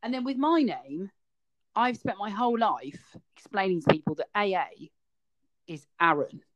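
A man's voice: sits high, very animated, normal speed, lo-fi sound. A man co-hosting a podcast in casual chat, telling stories with a wry, chatty manner. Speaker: podcast co-host.

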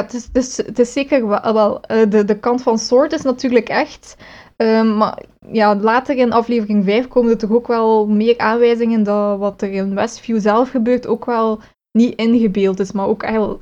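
Woman co-host, rambling recap, mellow, dull lo-fi sound. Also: a little high, steady tone, moderate pace. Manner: rambling, self-correcting with many fillers. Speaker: podcast co-host recapping episodes. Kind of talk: casual chat.

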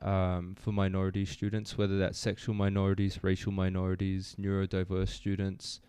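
A young man born in New Zealand, a student guest telling his story in a relaxed, easygoing way on an interview podcast. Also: sits low, normal speed, smooth, no room sound. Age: young adult. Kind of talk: casual interview.

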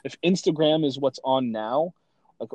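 A man's voice: medium pitch, unhurried, mellow, dry recording, highs cut off. A man guest in a casual interview, easygoing and rambling with lots of fillers. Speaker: guest, brand consultant and content creator.

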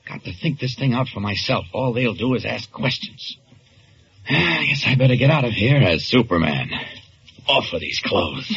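A man's voice: mid-range voice, animated, moderate pace, gravelly, a bit bright. Superman, tense and evasive. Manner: evasive, tense, musing alone. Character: tense male reporter who is secretly a superhero. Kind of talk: 1940s radio acting. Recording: dull 1940s radio recording.

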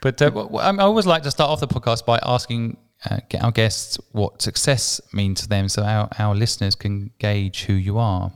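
Smooth-voiced man hosting a podcast. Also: fairly low pitch, moderate pace, few pauses. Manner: stumbling, repeats words when asking. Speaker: podcast host. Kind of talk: casual interview talk.

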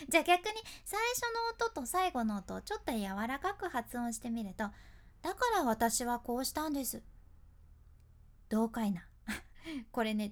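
A woman with a who works as a freelance announcer, giving a chatty, upbeat speaking lesson with frequent laughter. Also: high voice. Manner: chatty and upbeat, laughing often while explaining. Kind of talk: casual spoken lesson.

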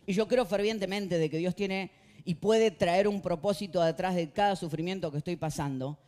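A male pastor with a Rioplatense Spanish accent, preaching a sermon with passion and swinging between quiet talk and loud outbursts. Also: high-pitched, moderate pace. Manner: impassioned, swings from quiet to shouting.

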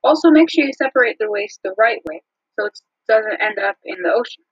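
A woman co-hosting a podcast in a casual, scripted chat with frequent ums, recorded over a low-quality phone line. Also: expressive, a little fast, slightly rough, no room sound. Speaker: podcast co-host. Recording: muffled dry phone-line audio.

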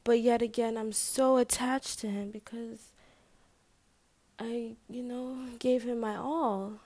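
A young woman speaking slowly into a personal video diary, her voice gravelly with vocal fry. She hesitates and restarts often and at times sinks into a near-whisper. The recording is close and dry, with no room sound. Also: fairly high pitch, fairly even intonation, dry recording. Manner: hesitant, halting, full of fillers; drops to a soft whisper at times. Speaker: vlogger.

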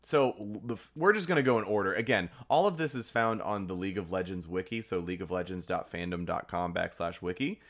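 A man co-hosting a casual geeky discussion in a jokey, excitable way. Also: low-pitched. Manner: jokey, excitable, quick to laugh. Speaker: podcast co-host.

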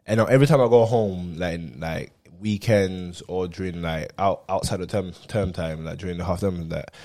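A man's voice: low-pitched, moderate pace, darkish tone. A young man with a London roadman accent, chatting casually with friends in street slang. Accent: London roadman, multicultural London street. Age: young adult.

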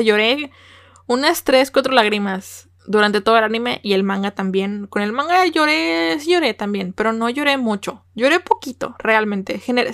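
A woman's voice: a little high, no room sound, studio quality. A young Mexican woman with a Mexican Spanish accent, talking casually and emotionally to viewers about an anime, often repeating words. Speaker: anime reviewer.

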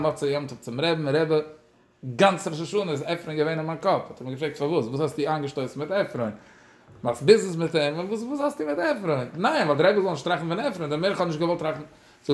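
Man, Torah lecture, halting and repetitive, fairly high voice, echoey room. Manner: halting, repetitive, mixes in English words. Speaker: religious teacher.

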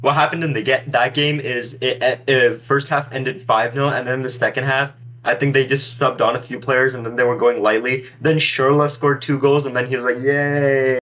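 A man's voice: mid-range voice, level tone, moderate pace, fairly bright tone. Muffled man, like talking into a fan. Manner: loose, rambling with fillers. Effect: muffled, as if talking into a pillow or a fan. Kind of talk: casual sports chat. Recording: dull, muffled lo-fi mic.

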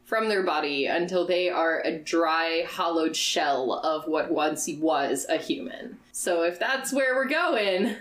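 A woman co-hosting a casual true-crime podcast, chatty and quick to laugh. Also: on the low side, lively intonation, roomy sound. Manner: chatty, lots of "like", laughs often. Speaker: podcast co-host.

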